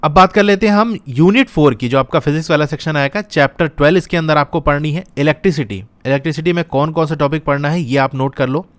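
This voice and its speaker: A man's voice: on the high side, fast, few pauses, no echo. Hindi-speaking man teaching, dry close sound. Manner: explains step by step, checks in with "ठीक है". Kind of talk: syllabus walkthrough lesson.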